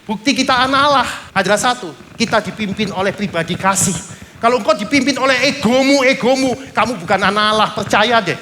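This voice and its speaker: Bright, high-voiced male pastor preaching. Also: fast, slight background noise. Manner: emphatic preaching with repeated calls of amen. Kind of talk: sermon.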